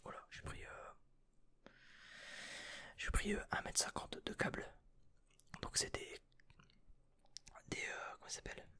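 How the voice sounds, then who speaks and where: Whispering breathily into a desk microphone in his bedroom, a young man unboxes something for a vlog. He's hesitant and rambling, swears mildly, and speaks unhurriedly with long pauses in a sharp tone.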